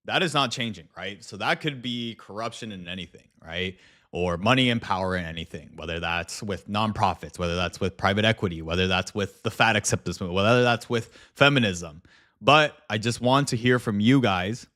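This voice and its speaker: A man's voice: fairly low pitch, brisk, sharp tone. A man livestreaming in a casual chat with viewers, speaking informally with slang and some swearing. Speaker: live streamer and video creator.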